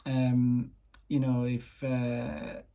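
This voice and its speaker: A man's voice: medium pitch, monotone, extremely slow, gravelly, dark tone, lo-fi sound. A man from Ireland, talking casually and rambling with many fillers as he gives dating tips and translates simple Japanese phrases. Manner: rambling, heavy on "you know" fillers; slips in basic Japanese phrases and translates them. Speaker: dating coach. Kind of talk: casual explanatory vlog talk.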